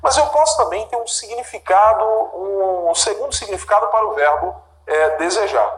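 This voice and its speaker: A man's voice: high-pitched, moderate pace, reverberant, low-quality recording. A man with a Brazilian Portuguese accent teaching grammar in a video lesson, talking to viewers and repeating key terms.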